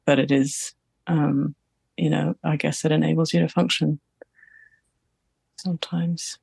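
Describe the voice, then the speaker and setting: Mellow-voiced woman, hesitant and halting. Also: deep voice, little pitch movement, gravelly, husky, no room sound. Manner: hesitant, halting, searching for words. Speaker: therapy client. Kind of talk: live therapy session. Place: home.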